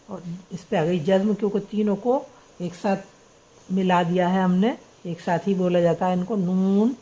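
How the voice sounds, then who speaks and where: Woman slowly spelling out words for a reading lesson, soft mellow voice. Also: lowish voice, low-quality recording. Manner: spells words letter by letter, patient. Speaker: Urdu script teacher.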